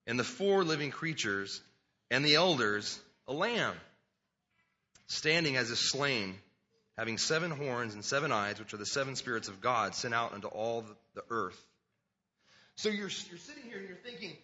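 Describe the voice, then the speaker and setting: Bright-voiced man preaching a sermon. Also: a little high, dull audio. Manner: earnest, conversational, repeats words as he restarts. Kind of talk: sermon with scripture reading.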